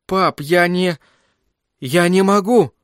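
A man's voice: mid-range voice, measured pace, fairly bright tone, no room sound, studio quality, natural voice. A man voicing a frightened young man of twenty who speaks timidly and falters.

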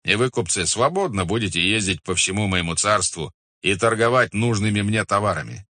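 A man voicing a haughty, amused young Mongol khan who talks in a slow, lordly, commanding way, read as an audiobook character. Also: fairly low pitch, expressive, sharp tone, no echo, voice pushed up.

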